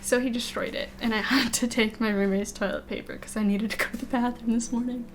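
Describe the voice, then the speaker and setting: Higher-voiced woman with a slight lisp. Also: fairly even intonation, fast, slight background noise. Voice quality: slight lisp from wearing dental aligners. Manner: casual, rambling, reading game text aloud between remarks. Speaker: game streamer. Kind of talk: casual chat while playing a video game. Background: game music.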